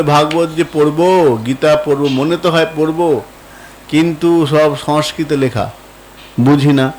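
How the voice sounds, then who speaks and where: A man's voice: fairly high pitch, a little hiss or hum, low-quality recording. A man with a Bengali accent giving a devotional sermon, telling stories and acting out the dialogue in voices, with many rhetorical questions. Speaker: Vaishnava preacher.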